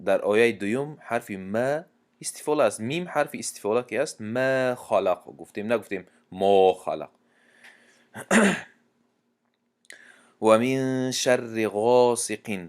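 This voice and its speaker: A man with a Tajik accent teaching Quran recitation, chanting verses slowly and melodically, then explaining quickly in a lower voice. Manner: alternates drawn-out melodic Arabic recitation with rapid low-pitched explaining.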